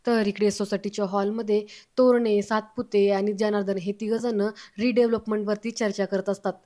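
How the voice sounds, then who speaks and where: Woman narrator, monotone and mid-pitched, for a plain serial recap read. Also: normal speed. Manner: steady storytelling with quoted dialogue. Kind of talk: retelling a TV serial episode, reading all parts.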